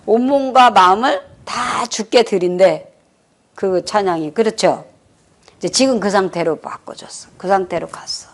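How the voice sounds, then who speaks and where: A woman's voice: mid-range voice, unhurried. A middle-aged woman pastor preaching a sermon, telling a story and acting out the people's words in it. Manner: storytelling preacher who acts out quoted dialogue. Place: prayer retreat hall.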